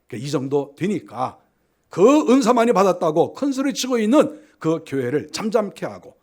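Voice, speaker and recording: Lively high-voiced Korean pastor preaching. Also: male voice, moderate pace. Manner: animated storytelling, acting out quoted church members. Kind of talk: sermon.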